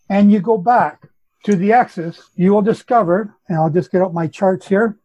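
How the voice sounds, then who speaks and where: A high-voiced Canadian man lays out his chronology with insistence, correcting himself as he goes. The sound is muffled and lo-fi. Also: a little mellow. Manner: insistent, explanatory, self-correcting. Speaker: Bible chronology teacher. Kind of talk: teaching on a group call.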